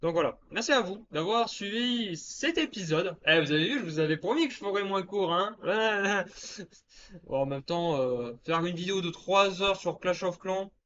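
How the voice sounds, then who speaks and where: A man's voice: sits high, animated, normal speed, fairly bright tone. A man giving casual, self-mocking commentary over his gameplay and chatting with his viewers. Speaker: gaming YouTuber. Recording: dull lo-fi sound with faint background noise.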